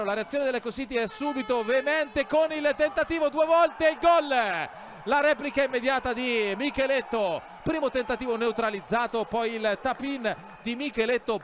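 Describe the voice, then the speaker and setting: A man giving urgent, excited play-by-play goal commentary on a football match, rising to shouts at chances. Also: extremely high pitch. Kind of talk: live Italian-style goal commentary, play-by-play. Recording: clearly noisy sports hall ambience.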